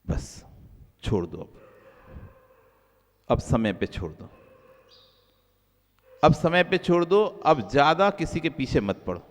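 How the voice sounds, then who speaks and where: Male Jain monk, sermon delivery, slightly high pitch, sudden drops to soft asides then raised emphasis, long hall reverb. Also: sing-song, takes it slowly, pauses often. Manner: repeats key phrases for emphasis; swings between soft low asides and raised emphatic lines.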